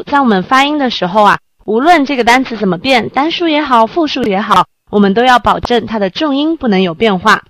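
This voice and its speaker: Lively coaxing woman teaching a class. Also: a little high. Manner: lively, coaxing, asks the class rhetorical questions. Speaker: Spanish teacher. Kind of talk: recorded language lesson.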